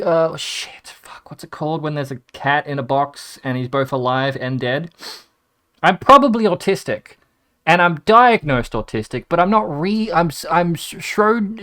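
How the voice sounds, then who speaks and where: A man's voice: fairly high pitch, a bit bright. A young man, a gaming content creator, telling a rambling, self-mocking story in casual chat to his viewers. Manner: rambling, jumps between tangents, wry and self-mocking.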